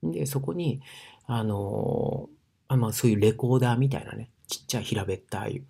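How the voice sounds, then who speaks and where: A man from Osaka speaking with an Osaka dialect, rambling in a casual monologue with many fillers and often sinking to a breathy near-whisper. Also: mid-range voice, expressive, moderate pace, dark tone. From Osaka, Japan. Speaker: sauna ambassador.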